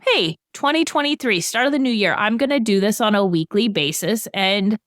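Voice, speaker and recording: A woman's voice: medium pitch, lively intonation, moderate pace, fairly bright tone, dry recording, studio quality. A middle-aged woman on a financial podcast, explaining goal-setting with everyday examples in a conversational way.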